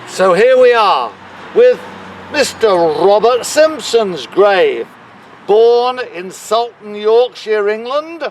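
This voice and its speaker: A man speaking as a town crier guiding an outdoor history tour, proclaiming theatrically with drawn-out emphasis, exclamations and rhetorical questions. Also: sits high, fairly bright tone, far from the mic, a little hiss or hum. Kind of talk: guided history tour narration. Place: outdoors in a cemetery.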